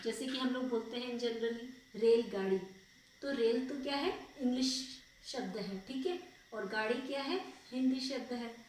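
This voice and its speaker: Young female schoolteacher, slow and patient, recorded from across a very echoey room. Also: a little high, distant mic, slight background noise. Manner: patient, repeats and asks checking questions. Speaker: school teacher. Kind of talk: grammar lesson.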